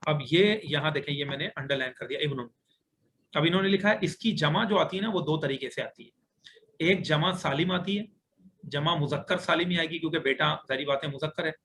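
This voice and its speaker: A man's voice: a little high, a bit bright, slight background noise. A man teaching an online Arabic grammar lesson on a video call, patiently explaining step by step as he writes. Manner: patient, explains step by step while writing on screen.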